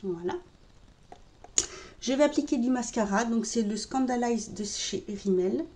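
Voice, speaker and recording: A woman narrating a makeup tutorial in a calm, step-by-step way while she works. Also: a little high, unhurried. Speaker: makeup vlogger. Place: home room with birdsong outside.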